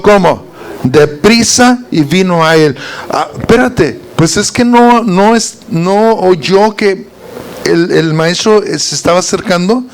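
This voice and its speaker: Higher-voiced man teaching Bible study. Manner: reads verses aloud, then quizzes listeners with rhetorical questions. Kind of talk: informal Bible teaching to a group.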